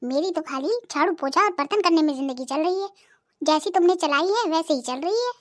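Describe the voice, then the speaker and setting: Someone voicing Chandrakala, a shrill nagging cartoon wife. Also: expressive, fairly quick. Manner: sharp-tongued, nagging, threatening. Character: bossy scolding middle-aged cartoon wife. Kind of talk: cartoon voice acting.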